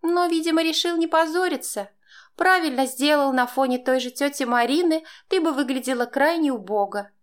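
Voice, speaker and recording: A woman's voice: very high voice, steady tone, fast talker, few pauses, a little mellow, pitched above the performer's own voice. A woman voicing a spiteful teenage girl who taunts and sneers in a mocking tone.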